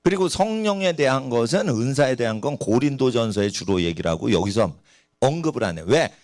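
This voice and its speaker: A man's voice: mid-range voice, sing-song, a little fast, darkish tone, no room sound, studio quality. A man preaching a sermon in a church, asking the congregation rhetorical questions. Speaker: pastor. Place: church sanctuary.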